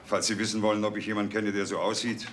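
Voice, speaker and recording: A man playing a gruff formal police chief. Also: lowish voice, little pitch movement, fast talker, a bit bright, slight background noise, lightly acted. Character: senior police chief, older man, stiff. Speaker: criminal director.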